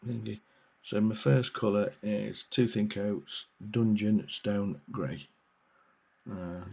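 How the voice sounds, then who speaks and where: A man's voice: low voice, a little mellow, slightly rough. A man giving a casual miniature painting tutorial, talking hesitantly with many fillers.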